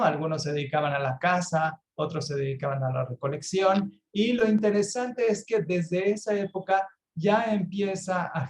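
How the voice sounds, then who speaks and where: A man with a Mexican accent teaches over a video call, his voice sitting a little high. He talks very slowly, padding his points with fillers and little questions to the group. A faint noise runs under the recording. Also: darkish tone. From Puerto Vallarta, Mexico. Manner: slow, unhurried explaining with frequent fillers and check-ins. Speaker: herbal medicine webinar presenter. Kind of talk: online lecture.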